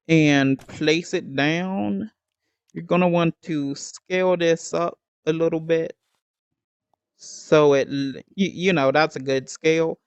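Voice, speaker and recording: Slow, halting man with a dull mic. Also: on the high side, clear, resonant tone, dry recording. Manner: slow, halting, with many ums and restarts. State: hiccuping. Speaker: game tutorial creator. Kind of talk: screen-recorded game building tutorial.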